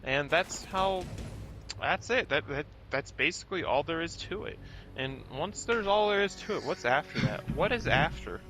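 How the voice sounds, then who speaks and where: A man's voice: animated, moderate pace, fairly bright tone, faint music behind, low-quality recording. A young man rambling in an absurd rant while streaming a game. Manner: absurd, rambling, jumps into squeaky mock voices.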